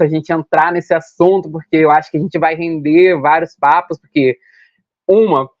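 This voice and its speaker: Brief: young Rio de man hosting a podcast, rambling, a bit high, dull dry audio. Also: a little mellow, dry recording. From Rio de Janeiro state, Brazil. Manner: chatty, rambling, with self-corrections and long lists. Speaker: podcast host. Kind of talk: casual podcast chat.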